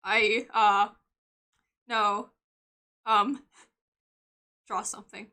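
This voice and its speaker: A young woman plays a game on a live stream, chatting playfully, breaking into sudden loud outbursts and giggles. Her voice is medium in pitch and steady in tone, and she speaks extremely slowly.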